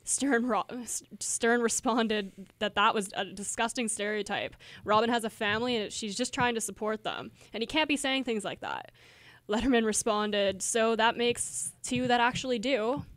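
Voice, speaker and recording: A young woman with a fairly high voice co-hosts a college radio show from a studio, reading out celebrity gossip and breaking into giggles. The sound is dry and close, with little room around it. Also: normal speed, a bit bright, dry recording. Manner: giggly, reads gossip items then riffs. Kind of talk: casual entertainment news chat.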